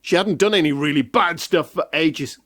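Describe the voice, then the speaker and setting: A man's voice: a little high, moderate pace, fairly bright tone, no echo, clean studio sound. A man reading a children's fairy tale aloud in a playful way with jokey asides. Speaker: storyteller.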